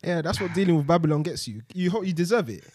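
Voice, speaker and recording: A man's voice: on the high side, animated, quick pace, darkish tone. A young man with a London roadman accent, chatting and joking casually with friends in street slang.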